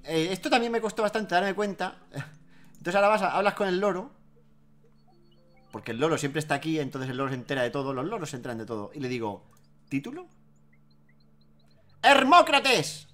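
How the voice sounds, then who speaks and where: Let's-play host, high-pitched, jokes and swears. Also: male voice. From Spain. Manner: joking, swearing, laughs often. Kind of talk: casual gameplay commentary.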